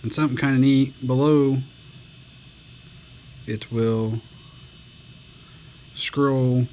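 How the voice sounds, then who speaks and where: Recorded indoors, a radio hobbyist gives a casual hands-on review, plainspoken and folksy, his phrasing halting. The man's medium-pitched voice is warm with fairly even intonation, and there's slight background noise.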